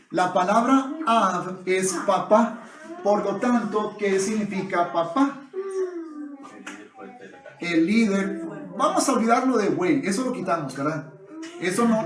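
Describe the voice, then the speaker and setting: A man preaches a sermon, often calling his listeners brothers and repeatedly asking them to agree. His voice sits high, and the audio is poor and full of reverb.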